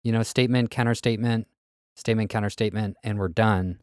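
A man's voice: lowish voice, steady tone, fast talker, no echo, clean studio sound. A man co-hosting a music podcast, eagerly analyzing the structure of songs in casual chat. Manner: enthusiastic, analytical about musical form. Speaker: podcast co-host.

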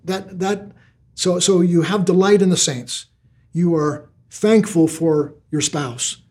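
A man's voice: sits high, slow pace, a little mellow, husky. An older man preaching a sermon, earnest, often repeating words as he builds each point. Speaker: pastor.

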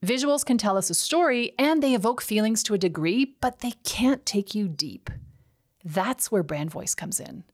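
A middle-aged woman with a slight Canadian accent hosts a scripted solo podcast, sounding enthusiastic, emphatic, and animated. Her voice is medium in pitch with a darkish tone, and she slows down on key words.

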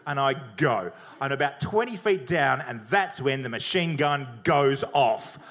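A man telling a comic story on stage to a live audience, energetic and swearing, laughing along with his own punchlines. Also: mid-range voice, unhurried. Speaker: comedy debater. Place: comedy venue before a live audience.

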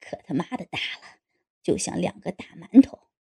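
A woman's voice: lively intonation, normal speed, mellow, full character voice. A woman voicing a drunk, gullible married man in an audiobook, sheepish and boastful by turns. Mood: tipsy boastful. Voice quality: low husky voice. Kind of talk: audiobook character voice.

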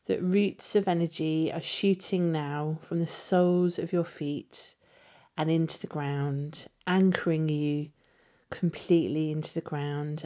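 A woman leading a guided meditation with soothing, unhurried instruction. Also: low voice, mellow.

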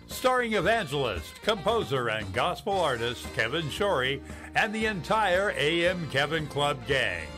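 A man announcing the opening of a show in a booming, showy way. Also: sing-song, measured pace. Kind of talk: scripted announcer intro. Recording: music bed under voice.

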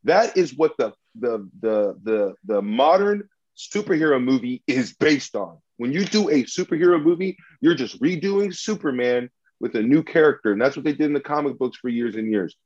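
A man in heated mock-trial banter defends old movies, swearing freely and tripping over repeated words when worked up. His voice sits at a middling pitch. The recording is dull and lo-fi. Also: expressive, moderate pace, a little mellow. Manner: combative, profane, repeats himself when heated. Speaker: debater arguing a movie case.

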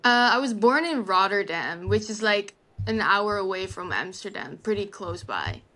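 A young Dutch woman, a native speaker of Dutch, talks easily as a guest in a casual interview, often saying "like" and "kind of." She works as a legal assistant. Her mid-range voice is pushed and bright, with lively intonation and a moderate pace.

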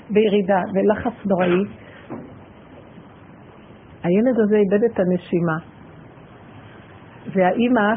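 Woman, emotional animated storyteller, gravelly voice, phone-line sound. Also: mid-range voice. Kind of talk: personal story told on radio. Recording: tinny phone line with faint noise.

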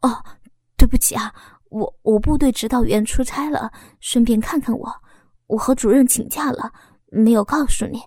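An earnest young man pours out his feelings, stumbling over his words in urgent bursts, as a woman reader puts him on. The voice sits fairly high and breathy. It is recorded close and dry, with no room sound. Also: moderate pace, dark tone, no room sound. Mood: apologetic. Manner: stammering and urgent. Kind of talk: audiobook character voice.

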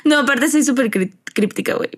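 A woman with a Mexican accent and a somewhat high voice chats as a podcast co-host. She is informal, slangy and swears freely. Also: brisk. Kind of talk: casual chat.

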